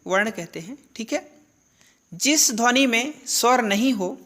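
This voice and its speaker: A woman's voice: fairly high pitch, animated, unhurried, fairly bright tone. A woman teaching a grammar lesson, who asks questions and answers them herself and repeats the key terms. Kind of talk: classroom-style lesson.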